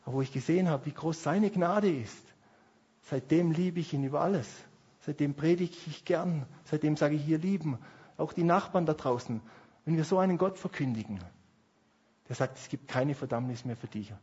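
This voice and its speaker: Man, pastor, sermon, husky voice, hushed to emphatic, muffled recording. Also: a little high, normal speed. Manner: passionate, swings between hushed and emphatic.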